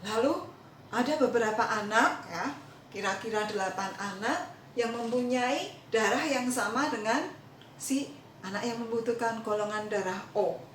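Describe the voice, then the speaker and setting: A woman Sunday school teacher telling children a Bible story and lesson, pausing often with fillers. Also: fairly high pitch, slight background noise. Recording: roomy echo, voice from a distance.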